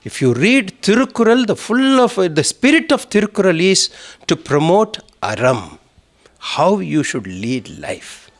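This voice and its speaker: Male speaker, lively rising-falling delivery, fairly high voice, halting with fillers. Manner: animated, many fillers and restarts. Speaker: conference speaker. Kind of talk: lecture on Tamil literature.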